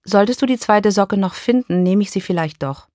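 A woman reading the lines of a deadpan ex-husband in a story. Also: mid-range voice, normal speed, dry recording, studio quality, lightly acted. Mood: dry. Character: dry, deadpan ex-husband, middle-aged man.

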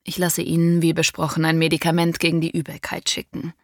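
Woman reading as a calm soothing doctor. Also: low-pitched, no room sound, clean studio sound. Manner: measured, placating. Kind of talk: audiobook reading.

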